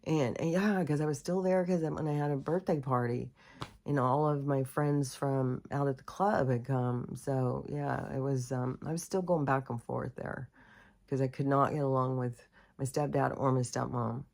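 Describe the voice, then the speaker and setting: A woman's voice: rumbling low, fairly even intonation, normal speed, vocal fry, darkish tone. A middle-aged woman from the United States telling a personal story in a rambling, candid way, full of fillers and self-corrections. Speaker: host. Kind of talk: casual storytelling monologue.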